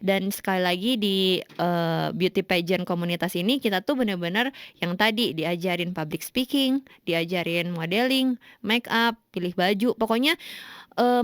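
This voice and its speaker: A young woman telling a personal story on radio in a casual, animated way, often laughing. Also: mid-range voice, smooth, no echo, clean studio sound. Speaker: guest. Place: radio studio.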